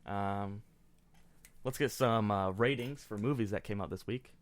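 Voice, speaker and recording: Here a man with a lowish voice takes his time hosting a relaxed podcast. He wanders, breaks off mid-thought and restarts often, and reads movie ratings aloud.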